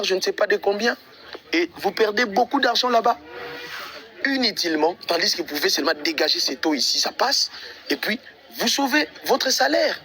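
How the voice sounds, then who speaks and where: A man's voice: high-pitched, pushed and bright, slight background noise. A man out of breath, walking residential streets outdoors and talking to his livestream viewers in an exasperated, repetitive way. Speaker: livestream vlogger.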